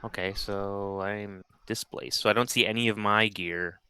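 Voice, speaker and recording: A man's voice: lowish voice, steady tone, a little slow, bright, forceful tone, clean tone. A man playing a tabletop game, thinking aloud tentatively with fillers. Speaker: player. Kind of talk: casual tabletop game play.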